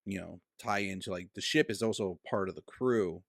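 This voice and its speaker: Low-voiced laid-back male co-host. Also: normal speed, vocal fry, no room sound, studio quality. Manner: easygoing, explains facts he looked up. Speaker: podcast co-host. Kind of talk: casual film review chat.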